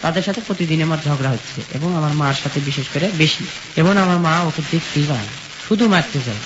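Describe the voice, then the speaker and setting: Speaking a little high and a little fast, a young rural Bangladeshi man describes his life as an interview guest. His manner is plain colloquial village talk, step-by-step narration with quoted exchanges. Dull audio carries an unbroken sizzling noise.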